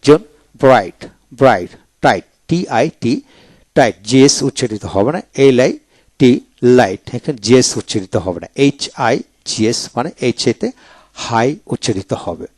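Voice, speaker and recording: A man teaching English pronunciation in a video lecture, spelling each word letter by letter and then repeating it slowly. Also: medium pitch, lively intonation, darkish tone, no echo.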